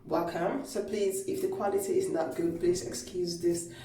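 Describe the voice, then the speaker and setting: A hair care vlogger chats casually with her viewers in a how-to vlog, rambling loosely with plenty of fillers and restarts. Her soft, mellow voice has a steady tone and normal speed. Recorded from a distance on a mobile phone camera, the low-quality audio echoes around a small home bathroom, sounding roomy with slight background noise.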